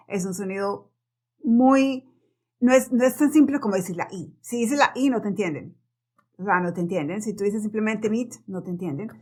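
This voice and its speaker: A woman whose first language is Spanish gives a relaxed pronunciation lesson, her voice getting a little worn. She talks in a chatty way, repeats her examples and keeps checking in with a quick "ok?". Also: mid-range voice. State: losing her voice. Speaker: English pronunciation teacher. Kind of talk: casual spoken lesson.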